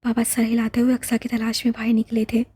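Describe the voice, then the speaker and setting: Casting: female audiobook narrator, slightly high, mellow and breathy, calm even reading. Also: fast. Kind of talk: scripted narration.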